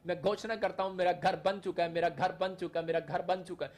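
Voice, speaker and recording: High-voiced fervent preacher man. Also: fairly even intonation, brisk. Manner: leads the audience in repeated call-and-response declarations. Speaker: pastor. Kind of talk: fervent prayer sermon.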